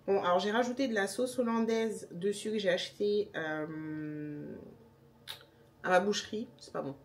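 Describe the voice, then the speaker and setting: A young woman talks straight into a handheld pocket camera at home, in a relaxed vlog chat. She is chatty and animated, with a wry streak when she talks about her tastes. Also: medium pitch, unhurried, distant mic. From Senegalese background. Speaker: vlogger.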